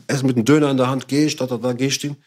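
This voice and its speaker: Man, husky voice, casual slangy storytelling, swears he isn't lying, mid pitch. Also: rapid-fire. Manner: slangy and animated, swears he is not lying, acts out others' lines. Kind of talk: casual chat, telling an anecdote.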